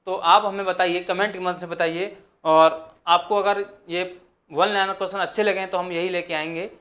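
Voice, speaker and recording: A young man teaching an exam-prep lesson, repeating each term slowly so students can write it down. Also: high voice, level tone, pushed and bright. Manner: repetitive, dictating terms slowly for notes.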